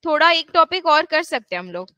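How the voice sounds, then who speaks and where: A woman's voice: high-pitched, sing-song, fairly quick, sharp tone, no echo, lo-fi sound. A woman tutor giving a classroom lecture, mixing Hindi and English, with firm asides to her students. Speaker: actuarial exam tutor.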